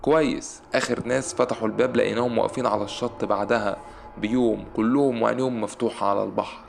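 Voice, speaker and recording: A man with an Egyptian Arabic accent voicing a grim male chalet owner who speaks quietly and ominously in a horror story. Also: fairly low pitch, steady tone, quick pace, creaky.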